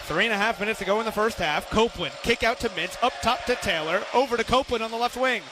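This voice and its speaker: Speaking fast in a high-pitched voice, an American man projects over the crowd as he announces live radio play-by-play of a basketball game. The recording comes from courtside in an indoor arena, full of loud crowd noise and ball bounces.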